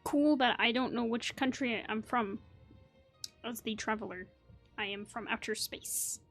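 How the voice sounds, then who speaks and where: A woman's voice: on the high side, a little slow, a bit bright, soft background music. Giggly woman commenting on her gameplay. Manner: playful, giggly, jokey asides. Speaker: gaming streamer. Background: game soundtrack.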